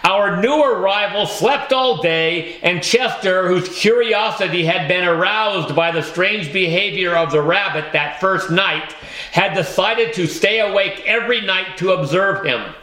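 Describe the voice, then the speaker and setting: A man's voice: sits high, a little slow, sharp tone, roomy sound, low-quality recording. A man narrating a children's audiobook in the first person, with a wry storytelling manner.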